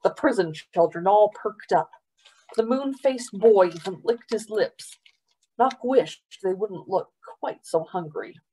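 A woman's voice: medium pitch, lively intonation, measured pace, warm tone, slightly rough, rough recording. A woman, a library storytime reader, steadily narrating a children's novel aloud.

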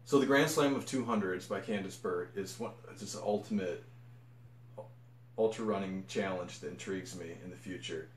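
A man's voice: low voice, moderate pace, echoey room, slight background noise. A man talking casually to camera about running challenges, rambling and correcting himself as he goes. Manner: rambling, self-correcting, enthusiastic. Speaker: ultra runner vlogger. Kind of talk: casual unscripted monologue.

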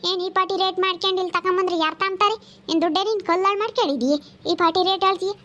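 Woman doing a shrill, nagging village woman. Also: steady tone, sharp tone, muffled recording. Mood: scolding. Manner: nagging, rapid-fire scolding. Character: loud, scolding village woman haggling over vegetables. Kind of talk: comedy sketch acting.

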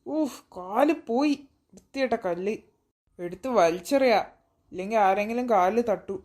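A woman's voice: mid-range voice, moderate pace, a little mellow, natural voice. A woman voicing a tired, jumpy woman home from work in a cartoon, muttering to herself. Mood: weary. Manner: muttering to herself, easily scared.

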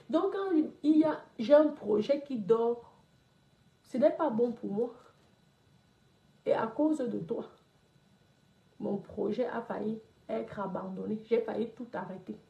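A woman's voice: fairly high pitch, warm tone. Confrontational woman in an echoey room. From Cameroon. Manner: confrontational, scolding someone directly. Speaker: property investor. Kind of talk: direct-address social media rant. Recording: roomy echo.

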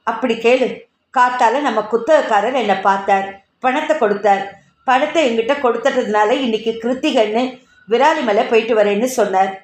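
A woman voicing a playful young man who teases gently and then reassures, read in a roomy space. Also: very high voice, normal speed. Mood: explaining. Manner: teasing, soothing.

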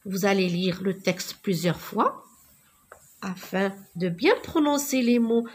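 A woman teaching young children to read, slowly repeating words and sounding out letters. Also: mid-range voice, animated, slightly rough. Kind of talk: reading lesson for young children.

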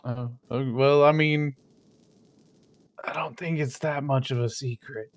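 A man's voice: mid-range voice, fairly even intonation, measured pace. A man voicing his roleplay character in casual chat, rambling with many fillers and joking in a mock-innocent way. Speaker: streamer playing a roleplay character.

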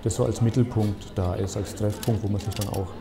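A man in his fifties, an architect, explaining his building in a measured, thoughtful interview with frequent hesitations. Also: on the low side, fairly even intonation, vocal fry, music in the background. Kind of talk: documentary interview. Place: bright office, seated at a desk.

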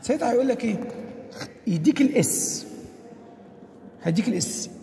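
Egyptian man as a teacher, high lively delivery, quizzes himself and hammers points, recorded in an echoey room with a long tail. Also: fairly quick, vocal fry, background noise. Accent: Egyptian Arabic. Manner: asks rhetorical questions and answers them himself; drills key points by repeating them. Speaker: physics teacher. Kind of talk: exam-prep lesson.

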